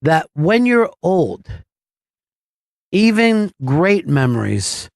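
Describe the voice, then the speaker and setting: A man's voice: sits high, big pitch swings, very slow, creaky, no echo. A man hosting a radio talk show, chatting casually at a studio microphone and drawing out words for emphasis.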